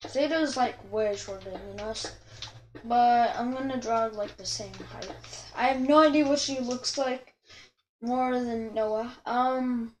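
High-voiced, slow-talking woman vlogger. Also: roomy sound, a little hiss or hum. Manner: rambling, self-correcting, chatty with viewers. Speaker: channel host. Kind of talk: casual commentary while drawing.

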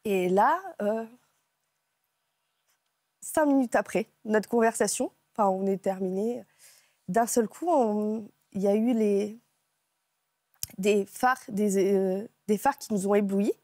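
A woman guest on a TV talk show, retelling a personal ordeal in a halting, emotional way, with frequent restarts. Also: medium pitch, a little mellow, no room sound, studio quality. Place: TV studio set.

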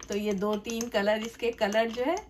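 A woman hosting her own cooking channel, explaining a recipe step by step in a gentle, chatty way, with blessings and greetings to her viewers. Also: on the high side, flat delivery, unhurried, slight background noise. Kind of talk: home cooking tutorial voice-over. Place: home kitchen.

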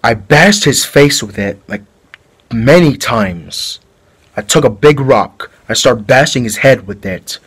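A man plays a male killer in an amateur home-video drama, telling his story in a slow, drawn-out way. He rambles and halts, restarting his sentences as he goes. His voice sits at an ordinary middle pitch. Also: lively intonation, fairly bright tone, breathy edge. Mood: flat confessing. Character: rambling male killer confessing a brutal fight.

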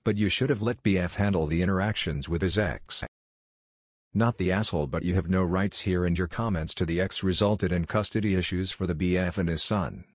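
A man with a very low, slightly husky voice reads text aloud in an even, steady narration. The recording is dry and close, with almost no room sound. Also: a little fast, dry recording. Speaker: narrator reading comments. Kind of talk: scripted narration.

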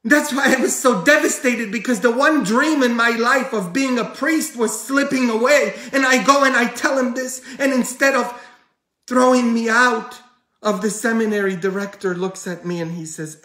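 A middle-aged male priest preaching a heartfelt homily, moving between loud pleading and quiet, intimate words. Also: very high-pitched, moderate pace. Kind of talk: sermon. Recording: echoey room.

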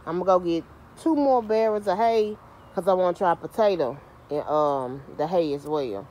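Out in her garden with a handheld phone camera, a home gardener and vlogger gives a chatty tour full of self-mockery and Southern US slang. Her fairly low voice is warm and moves at normal speed, and slight background noise can be heard.

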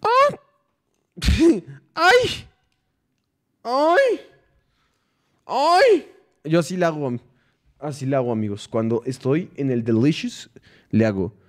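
A young man with a Mexican accent, streaming casually, full of slang and swearing, with frequent laughs and viewer stories read aloud. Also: moderate pace. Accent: Mexican Spanish. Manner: slangy, swears freely, laughs often, reads stories in a lower flat voice. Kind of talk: casual livestream chat, reading viewer stories.

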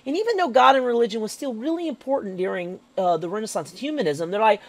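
A woman's voice: on the high side, lively intonation, fast. A woman teacher giving a recorded history lecture over slides, emphatic and checking in with "okay?" as she goes.

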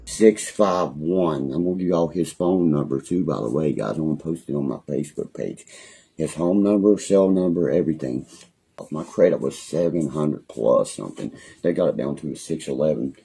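A young livestreamer with a West Virginian accent speaks at normal speed in a rumbling low, creaky, mellow and husky voice, expressive throughout. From a small indoor room at home, he delivers a rambling, angry phone-stream rant loaded with threats and profanity.

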